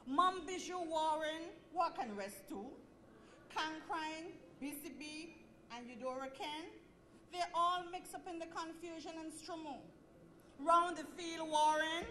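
A woman's voice: sits high, pushed and bright, slight background noise. A woman, an assistant principal, giving a dramatic poetry recital with rhythmic, pleading declamation and swelling emphasis. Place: school auditorium.

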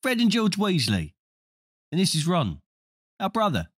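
A man reading a storybook aloud, voicing joking teenage twin brothers with in a quieter, raised voice. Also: fairly low pitch, wildly swooping pitch, unhurried, husky, no echo, studio quality, voice pushed up, full character voice. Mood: cheerful. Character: cheeky teenage twin boys, jokers.

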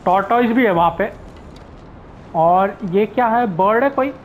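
A man giving casual gameplay commentary, relaxed and mixing in English words, chuckling at the game. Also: high voice, measured pace, a little hiss or hum, low-quality recording. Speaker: gamer, channel host.

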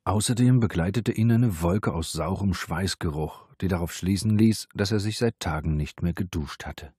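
A man narrating a thriller audiobook in a steady, measured read. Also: low voice, slightly rough, no room sound, studio quality. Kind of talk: scripted narration.

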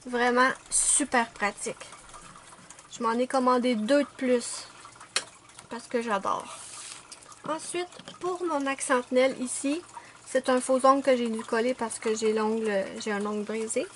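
A woman's voice: on the high side, steady tone, measured pace, fairly bright tone, slight background noise. A woman narrating a nail art tutorial in a chatty, step-by-step way. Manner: chatty, explains step by step with fillers.

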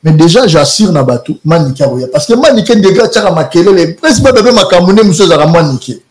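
A man's voice: on the high side, lively intonation, fairly quick, a little mellow. Rambling man in a heated debate. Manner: rambling, mixing French and Lingala. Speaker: guest.

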